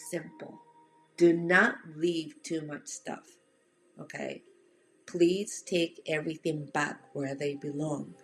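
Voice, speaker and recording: A woman from Japan with a fairly low pitch and a Japanese accent works as a home organizing coach. She gives the listener casual, direct guidance that is plain-spoken and encouraging.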